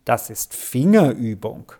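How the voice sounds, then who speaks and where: A narrator voicing an eager, talkative little girl who plays the piano, with a raised, lively voice. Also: mid-range voice. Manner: bright, talkative, quick to explain. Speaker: child musician.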